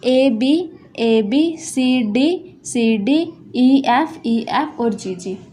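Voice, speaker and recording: Female literature teacher, high and soft-toned, slow read-alouds, frequent check-ins with the class. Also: expressive, slight background noise. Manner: reads English text slowly, then explains in Hindi with frequent "theek hai". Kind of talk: classroom lecture.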